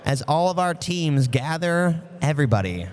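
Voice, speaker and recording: A man giving lively live commentary at a model car race for a stream, chatty and reading out viewer comments. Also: on the high side, moderate pace. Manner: chatty, energetic, reads out viewer chat.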